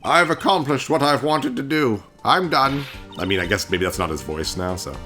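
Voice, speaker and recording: Animated man giving casual game commentary. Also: medium pitch, moderate pace, faint music behind. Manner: jokey, conversational. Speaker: video game let's-play host.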